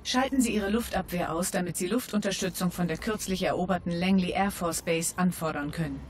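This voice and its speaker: An actress playing a composed battlefield computer announcer in a video game, measured and formal. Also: female voice, fairly low pitch, natural voice. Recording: game battle noise behind.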